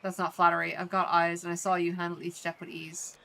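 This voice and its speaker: A woman's voice: lowish voice, flat delivery, brisk, creaky, bright, forceful tone. An Irish woman voicing a kindly, motherly older female cook, reading game dialogue aloud. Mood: warm.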